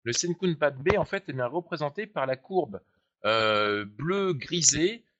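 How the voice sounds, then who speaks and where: A man's voice: on the high side, lively intonation, measured pace, fairly bright tone. Chatty man teaching a live webinar. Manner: chatty, explanatory, asks viewers to click along. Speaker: trading software trainer. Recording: dull lo-fi sound.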